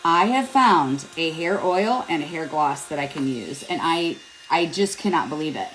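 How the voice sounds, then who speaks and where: A woman's voice: deep voice, lively intonation, moderate pace, fairly bright tone, slight background noise, low-quality recording. A middle-aged woman chatting casually through a hair tutorial at home, rambling and joking at her own expense. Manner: chatty, self-deprecating, rambling with fillers. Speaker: beauty vlogger. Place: home, at a mirror.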